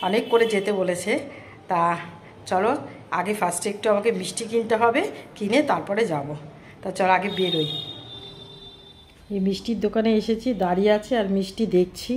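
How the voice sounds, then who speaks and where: A middle-aged woman, chatting casually to viewers in a home vlog. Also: mid-range voice. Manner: chatty, talks to viewers directly. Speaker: vlogger. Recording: roomy echo, faint ambient noise.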